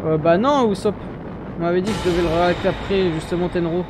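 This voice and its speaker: A woman's voice: fairly low pitch, quick pace, noisy background. A woman hosting a reaction video, commenting casually in slangy, exclamatory bursts. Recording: music from the show behind.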